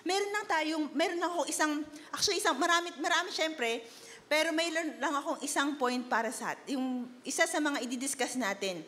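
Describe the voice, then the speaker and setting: A young woman from the Philippines preaches to young people in a relaxed, conversational way. She asks one rhetorical question after another and slips between Filipino and English. Her voice sits high, and a long hall reverb trails behind it. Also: brisk. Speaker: youth worship speaker. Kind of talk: conversational sermon.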